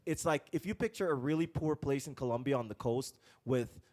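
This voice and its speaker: A Guyanese man living in Colombia hosts a casual podcast interview, speaking briskly in a mid-range voice with a darkish tone. He thinks aloud as he goes, full of fillers and restarts.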